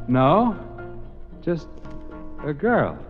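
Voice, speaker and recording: An actor playing an unhinged, obsessive nightclub entertainer in an old radio drama, with a halting, drifting way of talking. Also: male voice, a little high, sing-song, exaggerated voice. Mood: unravelling. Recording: dull old radio recording, music behind.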